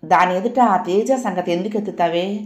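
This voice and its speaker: A woman's voice: medium pitch, normal speed, darkish tone, close to an everyday voice. A woman voicing an anxious, scolding middle-aged mother who frets and chides, in an echoey room. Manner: fretful, chiding. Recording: roomy echoey home recording.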